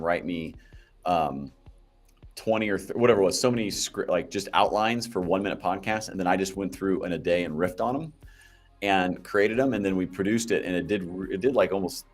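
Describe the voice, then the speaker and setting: A man being interviewed as a guest, talking in a rambling, jokey way with frequent restarts. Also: low-pitched. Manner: rambling, self-correcting, jokey. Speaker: podcast guest and marketing company founder. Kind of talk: casual interview chat.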